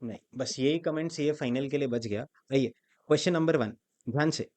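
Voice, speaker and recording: A man's voice: medium pitch, a little fast, a little mellow. A man teaching an accounting class, quizzing students and prompting them to answer aloud, mixing English terms into his speech. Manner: mixes English terms into Hindi. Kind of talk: classroom lecture with call-and-response.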